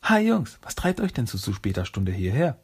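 A man's voice: mid-range voice, big pitch swings, normal speed, husky, voice pushed up, exaggerated voice. A man voicing a brave, friendly young female TV reporter in a storybook reading.

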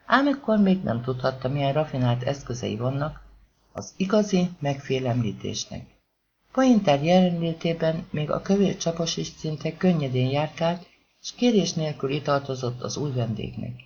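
Guy reading an audiobook, very lively pitch, kinda dull lo-fi sound. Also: breathy edge. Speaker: audiobook narrator. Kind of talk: scripted narration of a crime novel.

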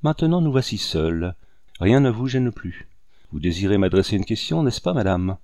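Man voicing a gentle young wife, hospitable, soft-spoken, mellow tone, dry close recording. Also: lowish voice, sing-song, normal speed, dry recording. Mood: tender. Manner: soft, coaxing delivery. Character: gentle young married woman, kindly host.

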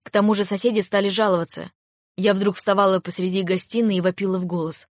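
A woman reading a first-person novel aloud in a calm, even storytelling manner, close to a studio microphone. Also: medium pitch, fast, dry recording. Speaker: audiobook narrator. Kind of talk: first-person audiobook narration.

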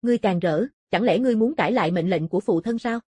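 A woman's voice: mid-range voice, fast, dark tone, husky, no echo, close to an everyday voice. A woman voicing a hot-tempered young dragon-clan man in an audiobook, harsh and scolding in manner. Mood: angry.

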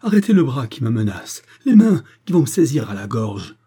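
A man's voice: lowish voice, level tone, moderate pace, mellow, slightly rough. A man voicing a delirious old male spiritualist in an audiobook, crying out in frantic, pleading terror.

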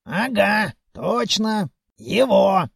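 A man voicing a calm, sly old undead mummy grandfather, drawling and unhurried. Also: high voice, vocal fry, slightly rough, dry recording, studio quality, voice pushed up, heavily acted. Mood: easygoing.

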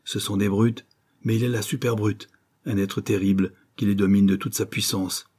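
A man narrating a novel in an intense, dramatic audiobook reading. His voice sits low and dark with a husky grain, and he drives the prose forward with urgent force. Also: little pitch movement, moderate pace.

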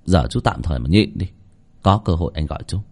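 A man voicing a bitter young male servant who talks gruffly and low, in a read-aloud story. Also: expressive, fast. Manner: gruff, low cursing advice.

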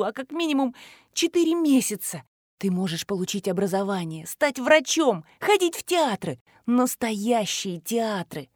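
A woman reading an audiobook voices a fierce, scornful teenage girl who hisses and shouts in sharp indignation. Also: high-pitched, dry recording, clean studio sound, pitched above the performer's own voice. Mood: passionate. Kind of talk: audiobook character voice.

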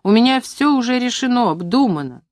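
A woman reading the part of a young female agronomist who is anxious and hesitant, and turns sharp when angered. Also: fairly high pitch, expressive, a little fast, no echo, clean studio sound, pitched above the performer's own voice, close to an everyday voice. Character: young woman agronomist, flustered but fiery.

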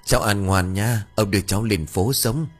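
A man playing a kindly, stubborn village man near fifty who coaxes a child gently and bickers with his wife. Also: on the low side, normal speed, breathy edge, faint music behind. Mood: coaxing.

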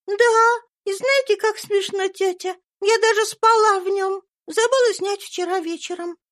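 A woman voicing a gentle but sometimes commanding little girl in a high childlike voice. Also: a little slow. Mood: cheerful. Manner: high childlike voice, soft and pleading.

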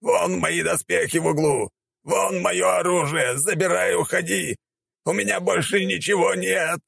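A man voicing a cowardly male warrior of light who squeals and wails in a shrill, strained voice. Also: fairly even intonation, very slow, vocal fry, sharp tone, slightly rough, no echo, studio quality, exaggerated voice. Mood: panicked pleading.

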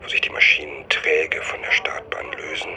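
A man speaks at a moderate pace in a voice close to his everyday one, playing an obsessed writer who deceives himself in a literary radio drama. He is the lead actor and first-person narrator, and his grave, brooding delivery sits over background music.

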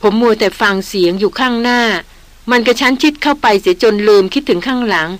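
A woman voicing a calm, loyal young male jungle tracker, speaking politely in a Thai audiobook novel. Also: on the high side, a little fast, no echo, voice pushed up, natural voice. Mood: earnest.

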